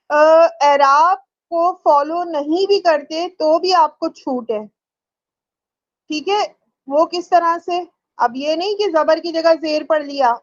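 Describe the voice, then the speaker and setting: A woman teaching a religious lesson to women, patient and repetitive, breaking into slow drawn-out chanted recitation for examples. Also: very high-pitched, lo-fi sound. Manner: patient, repeats ticks of "ٹھیک ہے".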